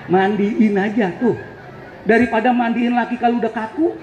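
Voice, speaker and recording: A man's voice: very high voice, fairly even intonation, normal speed, muffled recording, a little hiss or hum. A male preacher telling a joking, teasing story in a sermon. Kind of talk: humorous sermon. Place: event hall on a campus. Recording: echoey hall with faint crowd.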